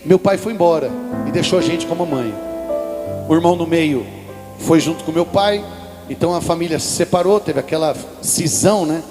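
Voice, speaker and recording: A Brazilian man preaching at a religious event, telling a personal story and speaking directly to the congregation. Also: a little high. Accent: Brazilian Portuguese. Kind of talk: sermon. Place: large hall at a religious event. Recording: live hall reverb with music behind.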